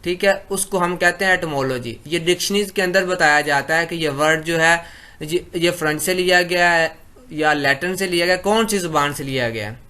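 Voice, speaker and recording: A man from Pakistan giving a lecture. He reads English definitions slowly, then explains them in conversational Urdu. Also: fairly high pitch, sharp tone, clean tone.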